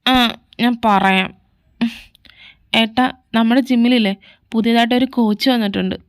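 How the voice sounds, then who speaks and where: A woman's voice: on the high side, steady tone, moderate pace, clean tone, no room sound, studio quality, natural voice. A woman voicing a cheeky younger brother who gushes and dodges questions, in a fan fiction audio story. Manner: cheeky, gushing, evasive.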